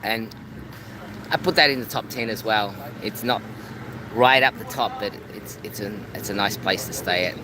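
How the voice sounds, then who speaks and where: His voice lowish and his speed normal, a travel vlogger chats through a phone live stream at a beachside restaurant. Outdoor traffic and street sounds surround him as he repeats words while restarting sentences.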